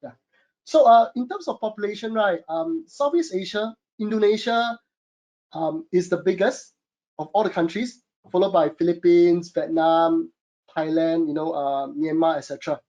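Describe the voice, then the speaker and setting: The recording is lo-fi, and the man's mellow voice sits high at a normal speed. He's from Singapore with a Singaporean English accent, hosting a webinar from his home studio as an e-commerce consultant, chatting freely with many fillers and calling viewers "guys."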